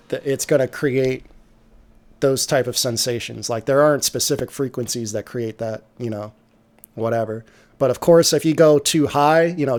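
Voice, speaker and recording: A man hosting a casual livestream, answering viewer questions about music software in a relaxed way, trailing off with fillers. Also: mid-range voice. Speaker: music producer streamer.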